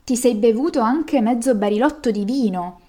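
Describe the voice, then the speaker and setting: A woman's voice: on the high side, normal speed, warm tone, close to an everyday voice. A woman voicing a hot-tempered young male king who rails in indignant outbursts while reading a folk tale aloud. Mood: outraged.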